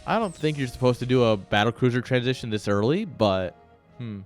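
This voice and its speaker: A man's voice: mid-range voice, expressive, brisk, faint music behind. A man giving casual esports commentary with joking, sarcastic asides.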